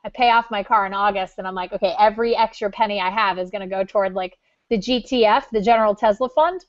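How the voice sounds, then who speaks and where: A woman from California, co-hosting a podcast, chatting casually with lots of fillers and animated storytelling. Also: medium pitch, fast, muffled recording. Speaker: podcast co-host. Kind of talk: casual after-show chat.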